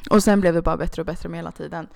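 A woman's voice: on the low side, gravelly, no echo. A young woman co-hosting a podcast, telling a story in a casual way and acting out what people said. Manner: animated, acts out quoted dialogue with "jag bara". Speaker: podcast co-host.

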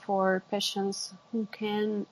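A woman explains technical work in an interview. Her voice is husky and a little rough, and she speaks slowly, stopping and restarting as she hunts for English words. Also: medium pitch, completely flat delivery, rough recording. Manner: halting, searching for words in non-native English. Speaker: interviewee, exoskeleton company representative.

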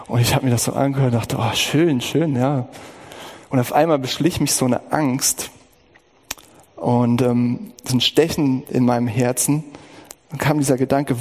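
A man's voice: mid-range voice, steady tone, normal speed, a little mellow. Earnest man preaching in a reverberant hall. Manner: earnest, personal storytelling with rising emotional outbursts. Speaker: pastor. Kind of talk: sermon.

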